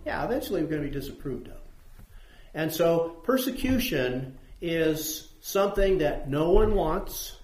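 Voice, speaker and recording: A man's voice: a little high, expressive, unhurried, darkish tone, reverberant, low-quality recording. A man teaching a Bible study who puts questions to his listeners.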